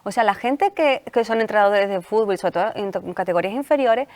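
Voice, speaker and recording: A woman with an Andalusian Spanish accent, a sports psychologist speaking as a guest on a talk show, telling animated stories and acting out the coaches she quotes. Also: medium pitch, quick pace.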